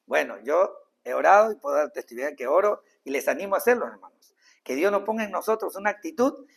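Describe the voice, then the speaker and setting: A man preaching a sermon as pastor, earnest, acting out short dialogues and swinging between loud rises and soft drops. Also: a little high, lively intonation, fast, creaky. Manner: acts out little dialogues in changed voices.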